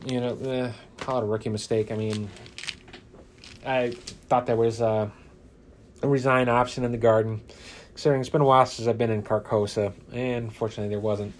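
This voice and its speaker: Man, solo card game commentary, mid pitch, halting casual talk, dramatic readings. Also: a little hiss or hum. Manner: casual, halting with fillers, reads flavor text dramatically.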